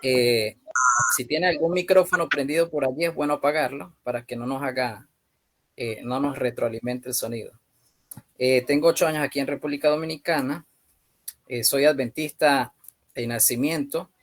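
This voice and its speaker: A Venezuelan man in his thirties presents a basic computer class to a youth group over a video call. He talks at a measured, unhurried pace and often pauses on hesitant fillers. His voice sits at an ordinary middle pitch for a man. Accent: Venezuelan Spanish. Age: 30s. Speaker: youth ministry instructor.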